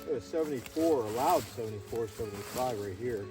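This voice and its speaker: Guy narrating his metal detecting in the woods, chatty and excited, camera mic, faint music behind. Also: medium pitch, a little fast. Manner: chatty, excited, thinking aloud while digging. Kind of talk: outdoor vlog narration to camera. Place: outdoors in a winter forest by old railroad tracks.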